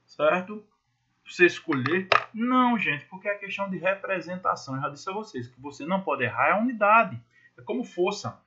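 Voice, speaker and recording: A man with a Brazilian Portuguese accent teaches physics in a chatty, joking way. He repeats key points and voices students' questions himself. His voice sits high and swings widely, and the recording sounds a little muffled. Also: expressive, moderate pace, very noisy. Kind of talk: recorded online class.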